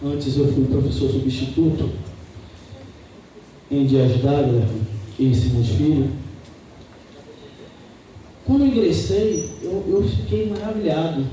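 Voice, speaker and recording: A man's voice: a little high, slow pace, pauses often, mellow, a little hiss or hum. A man from Salvador, giving an earnest, emphatic opening statement as a candidate in a campus debate, repeating his key phrases. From Salvador, Brazil. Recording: echoey room, voice picked up from far off.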